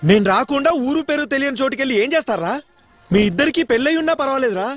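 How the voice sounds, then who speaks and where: A man's voice: extremely high pitch, animated, racing, dry recording. A man playing a fussy, emotional uncle in dubbed film dialogue. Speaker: uncle of the young couple. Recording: dubbed film audio with music behind.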